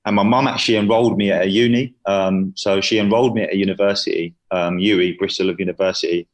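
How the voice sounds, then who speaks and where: A man's voice: low voice, fairly even intonation, fast talker. A young man in his twenties, chatting casually as an interview guest, full of fillers. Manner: chatty, lots of fillers and "you know".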